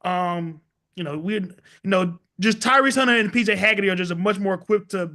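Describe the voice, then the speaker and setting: A man's voice: sits high, brisk, sharp tone. A man hosting a casual sports podcast, rambling through his points with many "you know" and "like" fillers.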